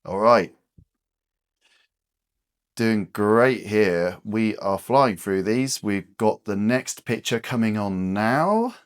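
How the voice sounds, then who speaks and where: A man guiding aphasia word-finding exercises as a speech therapist, speaking patiently and encouragingly with pauses. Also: fairly low pitch, lively intonation, clear, resonant tone, dry recording, clean studio sound.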